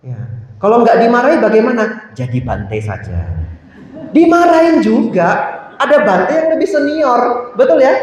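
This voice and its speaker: A man, a Buddhist monk, telling a story in a sermon and often turning to speak straight to his listeners. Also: fairly high pitch. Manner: animated storytelling, frequently addressing the audience directly. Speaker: Buddhist monk giving a Dhamma talk. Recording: echoey hall, distant mic, dull sound.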